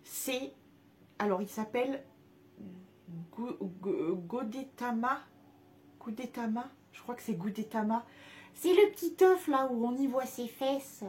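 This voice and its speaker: A woman's voice: on the high side, animated, unhurried, a little mellow. A young woman chatting casually through a shopping haul, gushing over cute items with many fillers and restarts. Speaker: haul vlogger. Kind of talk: casual haul video chat.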